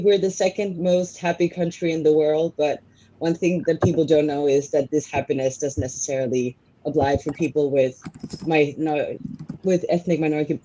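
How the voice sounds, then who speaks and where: A woman speaks softly on a video call, with a low, mellow voice and many pauses. The audio sounds muffled and lo-fi. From Denmark. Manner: soft, hesitant with ums. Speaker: documentary director, guest.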